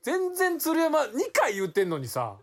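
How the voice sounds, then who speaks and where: A man's voice: very high-pitched, huge pitch swings, measured pace, a little hiss or hum. Exasperated Kansai-accented young man. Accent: Kansai Japanese. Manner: loud exasperated retorts. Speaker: podcast co-host. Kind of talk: casual comedy banter.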